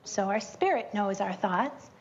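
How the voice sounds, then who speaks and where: A woman giving a chatty, animated devotional teaching, breaking into spoken prayers to God. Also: measured pace, a little hiss or hum. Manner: chatty and animated, prays aloud with rising pitch. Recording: dull lo-fi recording.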